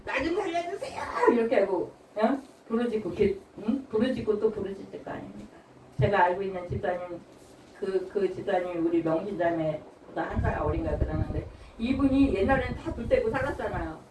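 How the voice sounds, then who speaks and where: A woman pastor giving a conversational sermon. She often turns to the congregation with a quick question, and she acts out pleading quotes in a raised voice. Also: mid-range voice, warm tone. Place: church hall. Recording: roomy church from a distant mic with faint hiss.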